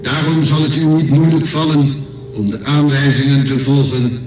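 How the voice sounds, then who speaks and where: A man acts a programmed guardian machine in a science fiction radio play. The voice is formal and mid-pitched, set in an echoing space with music underneath. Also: steady tone, normal speed, natural voice. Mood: impassive. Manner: formal, impassive, matter-of-fact. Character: programmed robot guardian of an imperial library. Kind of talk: radio drama acting. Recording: echoey radio drama with music bed.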